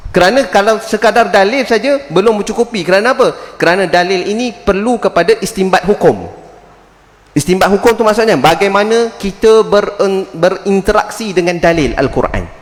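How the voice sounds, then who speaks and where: A man's voice: sits high, big-room sound. A Malaysian man giving a Friday religious talk as a teacher, telling stories animatedly and acting out the voices of the people in them. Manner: animated storytelling, acts out quoted voices.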